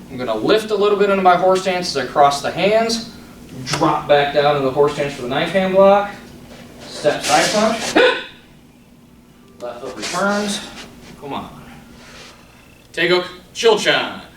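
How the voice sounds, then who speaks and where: A man's voice: fairly high pitch, expressive, a little slow, reverberant. A man instructing a martial arts form in terse, clipped commands, as a taekwondo tutorial teacher. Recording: distant mic, faint room noise.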